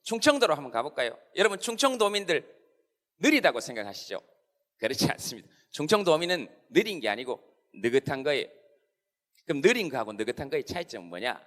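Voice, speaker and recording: A man's voice: a little high, quick pace. A man giving a playful, satirical stand-up talk to a live audience in a large hall. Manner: animated, playful, quoting insults in mock voices. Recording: long hall reverb.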